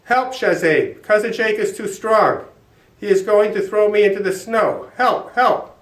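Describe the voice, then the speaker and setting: A man voicing a warm, excitable old grandpa in a storybook tale, with hearty, simple delivery. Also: high-pitched, measured pace. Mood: alarmed. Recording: roomy echo, distant from mic.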